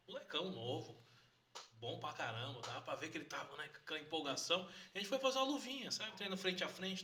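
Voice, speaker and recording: A man with a Brazilian Portuguese accent spins animated anecdotes as a guest on a podcast. His voice is a little high and sharply bright. A faint noise sits under the recording. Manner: animated, lively anecdote-telling with laughter. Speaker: karate instructor guest. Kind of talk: casual storytelling.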